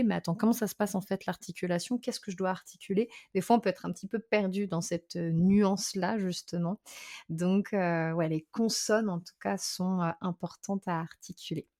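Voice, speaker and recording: A woman vocal coach and singer, speaking as a podcast guest in a thoughtful, explanatory way, often pausing on fillers. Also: medium pitch, a little mellow. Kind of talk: conversational interview.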